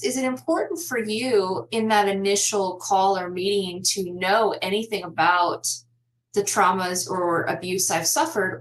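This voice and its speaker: A woman hosting an online interview over a video call, chatty and quick to laugh, asking long run-on questions. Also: mid-range voice, slight background noise, poor audio. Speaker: host.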